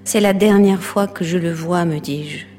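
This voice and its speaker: Actress doing a fragile lonely woman, slow hushed whispers, stage play, echoing hall, faint music. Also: fairly low pitch, lightly acted.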